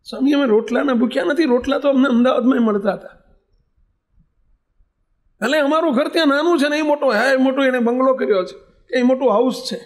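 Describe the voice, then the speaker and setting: A man playing a heartbroken old father in his sixties, pleading and sobbing as he complains. The voice climbs noticeably higher and strains upward, sounding raw and pleading. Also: brisk, pauses often. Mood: tearful pleading. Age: 60s.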